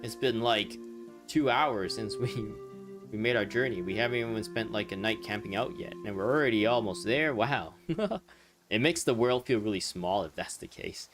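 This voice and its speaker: With game music and dialogue playing behind him, a male streamer gives loose, rambling commentary on a game. His voice is fairly low but a bit bright, at a moderate pace, and his tone is wry and amused, with chuckles as he muses.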